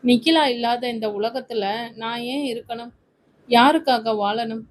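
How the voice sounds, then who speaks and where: A grief-stricken young man pours out his despair through tears, voiced by a woman reading a story. The voice stays fairly high. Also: measured pace, slight background noise, natural voice. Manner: despairing, tearful.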